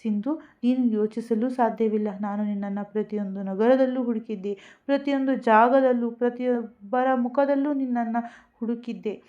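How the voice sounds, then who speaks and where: A woman's voice: on the high side, steady tone, normal speed, lightly acted. A woman voicing a heartbroken young man, choked up. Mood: pleading. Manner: tearful, choked pleading. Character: heartbroken young man pleading with lost love. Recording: dull lo-fi recording.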